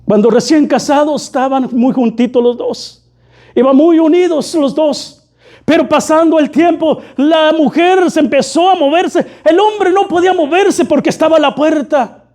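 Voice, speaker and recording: A man's voice: very high voice, moderate pace, a little mellow. A man preaching a fervent sermon, constantly calling his listeners brother. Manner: fervent, repeatedly addressing "hermano".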